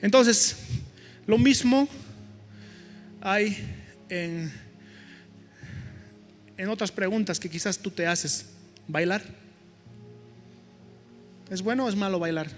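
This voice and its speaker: A man's voice: high voice, slow pace, long pauses. A male pastor preaching a sermon in a conversational, joking way, with asides to the congregation. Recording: echoey hall with soft music.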